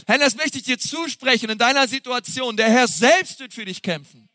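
A middle-aged man preaching a sermon as pastor, energetic and exclamatory, constantly addressing his listeners directly. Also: very high-pitched, normal speed, dry recording, studio quality.

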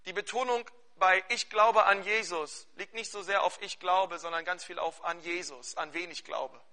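Guy pastor preaching, high and super bright voice, keeps asking the crowd stuff. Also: moderate pace. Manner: animated preaching with questions to the congregation; fervent spoken prayer. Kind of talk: sermon.

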